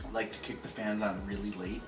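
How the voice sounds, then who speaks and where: A man's voice: lowish voice, little pitch movement, fast, far from the mic. A man chatting casually about cars, somewhat hesitant and inquisitive. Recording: echoey, off-mic, loud music behind.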